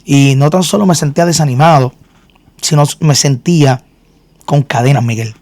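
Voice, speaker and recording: A man's voice: fairly high pitch, moderate pace, a little mellow, no room sound. A man, a minister, telling his own story in a faith interview, earnest and often repeating words as he restarts. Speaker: guest minister and singer.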